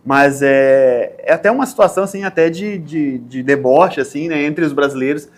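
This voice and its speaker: A man with a southern Brazilian accent, a podcast guest who tells stories in a lively way and acts out the lines of people in them. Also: a little high, normal speed, a crowd in the background. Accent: Brazilian Portuguese, southern Brazil. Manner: animated storyteller, acts out quotes. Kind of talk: casual podcast interview.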